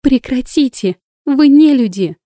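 A woman's voice: medium pitch, animated, fast talker, warm tone, dry recording, clean studio sound, voice pushed up, natural voice. A woman voicing a desperate, defiant young captive who cries out and pleads in an audiobook. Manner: crying out, pleading.

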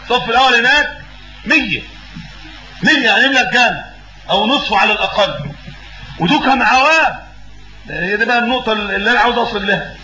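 A man's voice: very high-pitched, lively intonation, fast talker, pauses often, sharp tone, echoey room, slight background noise, poor audio. A man with an Egyptian accent giving a religious lesson as a preacher. He asks questions and fills in the answers himself, and he repeats words for emphasis. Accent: Egyptian Arabic.

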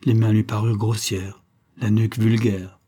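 A male audiobook narrator reading a literary short story. His voice is low and dark with a husky grain, and his reading is measured and even.

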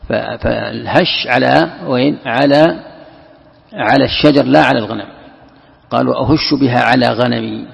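A religious teacher delivers a scripture commentary lesson in a medium-pitched, slightly rough voice with vocal fry. He asks questions, answers them himself, and repeats key phrases, recorded in an echoey hall with dull lo-fi sound.

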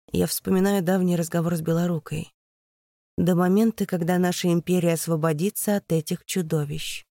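A woman's voice: lowish voice, mellow, no echo, studio quality. A woman narrating a first-person fantasy audiobook in a tense, dramatic reading.

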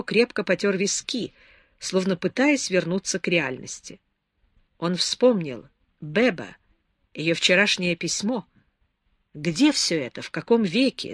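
Brief: female audiobook narrator, lively melodic delivery, dry close sound. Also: fairly low pitch, no room sound. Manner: expressive, dramatic reading. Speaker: audiobook reader.

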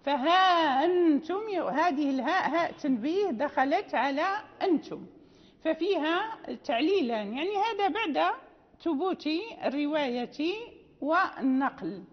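Female recitation teacher, high pitch, explanatory lecture delivery, long hall reverb. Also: expressive, normal speed. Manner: explanatory, with frequent fillers and restarts. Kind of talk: classroom lecture. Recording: dull lo-fi audio with long reverb.

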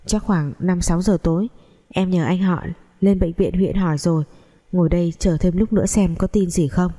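A woman's voice: lowish voice, steady tone, normal speed, mellow, close to an everyday voice. A woman voicing a worried young woman, an older sister who talks in an anxious, pleading way.

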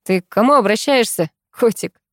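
A woman voicing a calm, sarcastic man who drawls his teasing remarks in a storybook. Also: fairly high pitch, moderate pace, no echo, clean studio sound, pitched above the performer's own voice, close to an everyday voice. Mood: mocking. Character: calm mocking man, sly and unflappable.

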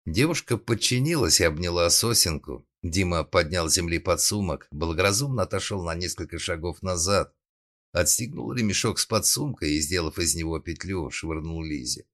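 A man reading a thriller audiobook as narrator, in a steady dramatic tone. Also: sits low, moderate pace. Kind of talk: scripted narration.

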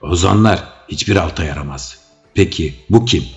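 A man voicing a fretful old male chief advisor who bursts out in shrill, panicky cries. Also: normal speed, darkish tone. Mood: sour. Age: older. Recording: dull audio with faint music.

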